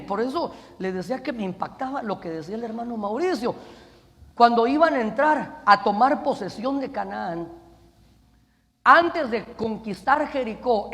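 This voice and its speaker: A man's voice: extremely high pitch, fairly bright tone. A male pastor preaching a sermon, often calling his listeners "brother" and putting questions to the congregation. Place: church camp meeting hall. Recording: long hall reverb.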